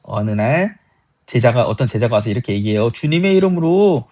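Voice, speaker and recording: A man teaching a casual Bible lesson, explaining lively and asking questions before answering them himself. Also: lowish voice, fairly quick.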